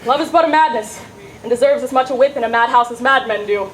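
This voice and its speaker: A woman performs a witty young woman disguised as a cheeky lad. The voice is high and the delivery is hammy, theatrical Shakespearean comedy. There is faint noise in the recording. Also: fast, lightly acted, rough recording. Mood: witty, exuberant. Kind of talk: Shakespearean stage comedy acting.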